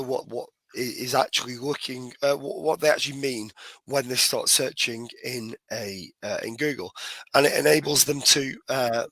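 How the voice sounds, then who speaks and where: A man co-hosts a podcast in a croaky voice left hoarse by a cold. His pitch is mid-range and the sound is dry. He talks casually and often halts to rephrase as he explains. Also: sharp tone, dry recording. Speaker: podcast co-host.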